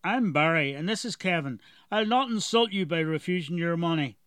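A man's voice: on the high side, lively intonation, moderate pace, fairly bright tone, clean tone, no room sound, clean studio sound. A man voicing a friendly, shrewd male cart driver with an easygoing, businesslike manner.

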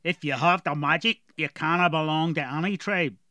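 A man voicing a gruff, thrifty male dwarf traveler with a strong rustic dialect who haggles in short, blunt phrases. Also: high-pitched, normal speed, a little mellow, no room sound, clean studio sound, voice pushed up, close to an everyday voice.

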